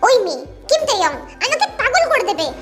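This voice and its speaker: A woman's voice: very high-pitched, very animated, fast talker, over music. A woman voicing an exasperated young male doctor who fusses over his wife. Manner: fussing and protective, then whiny complaining.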